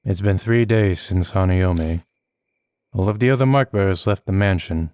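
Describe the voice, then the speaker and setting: Low-voiced man narrating a game. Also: moderate pace, clean tone, no room sound. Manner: steady first-person narration. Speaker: let's play host. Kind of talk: reading a visual novel aloud. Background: faint game music.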